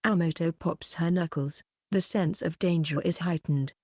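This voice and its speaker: Low-voiced woman narrating an audiobook. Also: normal speed, a little mellow, no echo, clean studio sound. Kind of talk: light novel audiobook narration.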